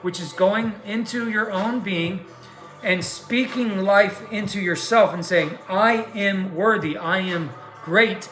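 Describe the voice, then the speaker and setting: High, bright-voiced man giving a tarot reading. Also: rough recording. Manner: emphatic, preachy, with repeated check-in tags. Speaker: online tarot card reader. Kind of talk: improvised spiritual tarot reading to an audience.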